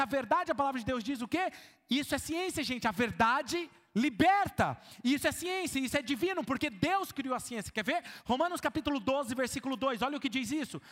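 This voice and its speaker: A man with a Brazilian Portuguese accent, a pastor preaching a sermon to a congregation, who keeps asking whether they follow him and acts out everyday scenes in a lowered voice. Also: expressive, a little fast, a bit bright. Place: church hall with a congregation. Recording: long reverb of a church hall.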